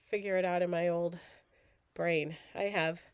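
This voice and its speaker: A woman's voice: on the low side, steady tone, measured pace, smooth, no echo, clean studio sound. A woman hosting a casual crafting livestream while groggy and sick with a cold, chatty and rambling. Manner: rambling, chatty, self-deprecating.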